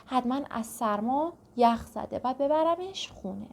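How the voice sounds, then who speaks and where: A kindly old lady mole in a storybook speaks with motherly pity, as a woman reading aloud puts her on. It is a plain, soft reading voice. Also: high voice, lively intonation.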